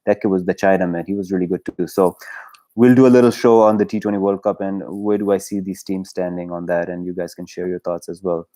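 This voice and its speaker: A man talks in a casual solo livestream, his voice sitting a little low. He rambles and hesitates, stacking fillers and restarts and breaking into laughs as he goes. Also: steady tone, fairly quick, mellow. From Pakistan. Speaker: YouTube livestream host.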